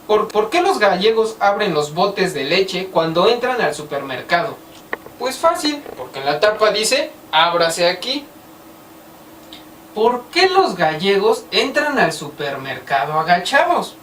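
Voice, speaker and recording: Lively Mexican woman telling jokes. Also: medium pitch, measured pace. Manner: animated, playful delivery. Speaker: vlogger. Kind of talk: casual joke-telling to camera. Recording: roomy, mic at some distance, faint background noise.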